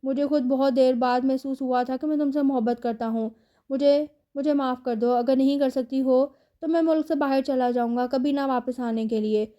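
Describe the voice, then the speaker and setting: A woman's voice: sits high, steady tone, mellow, natural voice. A woman reading a remorseful pleading husband. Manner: self-pitying, pleading.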